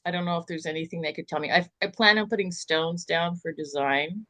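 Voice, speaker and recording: A woman's voice: on the low side, brisk, bright, forceful tone, dry recording. A woman on a call who asks a rambling question in a hesitant way, stopping and restarting often. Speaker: caller.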